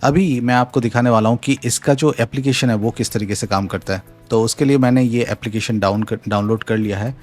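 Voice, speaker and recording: A man explains a microphone setup step by step in a relaxed demo tone, slipping English phrases into his talk. His voice sits at an ordinary middle pitch. He talks into a desk mic in a home room, with faint music underneath. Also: fairly quick, few pauses. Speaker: tech reviewer. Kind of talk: casual product demo. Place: home room with a fan running. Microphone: studio USB mic at varying distance.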